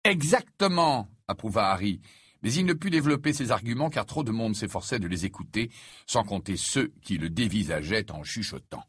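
A man reading a novel aloud as an audiobook narrator, expressive and dramatic. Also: fairly quick, breathy edge, dry recording, clean studio sound. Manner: expressive reading with wide swings of pitch. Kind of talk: scripted narration.

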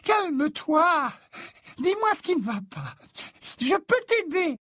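A man's voice: very high-pitched, very animated, takes it slowly, bright, forceful tone, voice pushed up, full character voice. A man voicing a weepy ghost girl with a sing-song, wailing voice, in an audiobook. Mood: pleading.

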